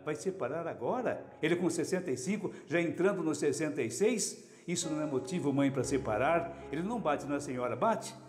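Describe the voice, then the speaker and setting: A man's voice: a little high, expressive, a little fast, few pauses, darkish tone, close to an everyday voice. A man voicing an exasperated adult daughter who pleads with her mother and fires scolding questions. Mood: pleading. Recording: echoey hall with music underneath.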